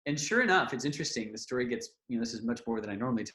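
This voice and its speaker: A man who teaches yoga nidra, a guest telling a personal story in conversation, animated and laughing often. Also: mid-range voice, rapid-fire. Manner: animated, acts out what people said, laughs often.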